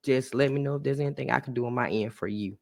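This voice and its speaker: A woman hosting a podcast, chatting warmly and casually with a guest and her listeners, laughing often. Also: very deep voice, fast talker, creaky. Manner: animated, laughs often, talks to listeners as y'all. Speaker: podcast host. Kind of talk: casual heartfelt chat.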